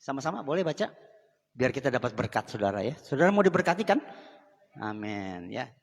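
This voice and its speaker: A man's voice: medium pitch, sing-song, a little fast. A man preaching a sermon in a church, chatty and direct, often turning to the congregation with asides. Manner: conversational preaching, often addressing the congregation as saudara. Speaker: pastor. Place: church sanctuary. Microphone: live microphone. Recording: long church hall reverb.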